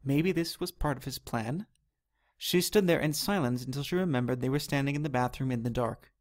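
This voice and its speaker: A man narrating an animated chapter of a children's novel in a steady, even reading. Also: mid-range voice, a little fast. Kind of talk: storybook narration.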